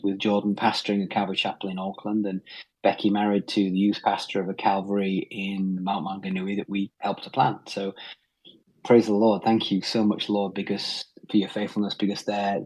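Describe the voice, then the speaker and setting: A middle-aged English man with a British accent, a missionary pastor speaking in a podcast interview in a measured, reflective way with light humor. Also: on the low side, a little mellow, low-quality recording. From England.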